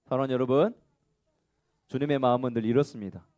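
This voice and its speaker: In a church sanctuary, a man serving as children's pastor gives a kids' sermon at a quick pace, guiding the group through reading together in call-and-response. He's animated, putting on a high, whiny voice for the elder son's grumbling. The recording has its highs cut off.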